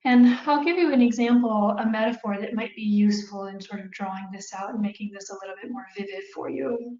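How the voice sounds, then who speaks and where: Calm woman teaching couples, echoey room. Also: medium pitch, brisk. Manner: calm, explanatory, asks "right?" often. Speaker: therapist teaching about couples. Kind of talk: recorded talk to viewers. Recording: echoey room, dull sound.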